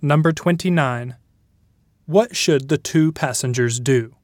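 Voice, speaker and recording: A man's voice: on the high side, unhurried, no echo, clean studio sound. A man reading scripted listening-test questions in a formal, instructional manner. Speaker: exam question narrator.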